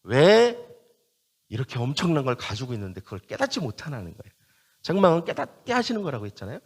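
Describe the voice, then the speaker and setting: A male pastor delivering a sermon in a high, lively voice that swings widely up and down. He hammers key phrases again and again and keeps turning to the congregation with questions. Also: quick pace, breathy edge.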